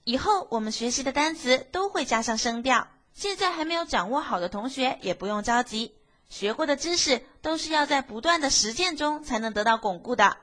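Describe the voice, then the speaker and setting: Woman teacher explaining step by step, high bright voice, keeps asking the class questions. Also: lively intonation, fairly quick. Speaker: Japanese teacher. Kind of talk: language lesson narration.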